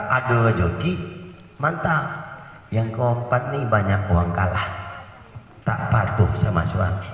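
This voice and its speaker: A bright-toned male preacher gives a lively outdoor sermon, moving from loud exhortation to quiet teasing asides. His voice comes through a PA system and reaches the recorder from far off. Heavy echo and a long reverb trail hang on every phrase. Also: mid-range voice. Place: front yard of a prayer house, outdoors. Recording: echoey outdoor PA sound heard from a distance.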